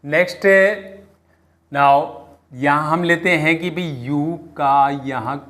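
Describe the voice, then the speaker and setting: A man with an Indian accent teaching a phonics class, switching between halting English and Hindi with frequent pauses and fillers. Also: a little high, steady tone, fairly bright tone. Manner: slow, deliberate, with many pauses and fillers.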